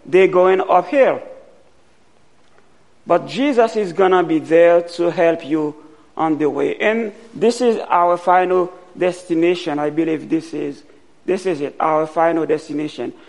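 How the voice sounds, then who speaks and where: Slow, gravelly-voiced man from Haiti preaching. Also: fairly high pitch, darkish tone. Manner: slow and deliberate, pausing often. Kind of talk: sermon.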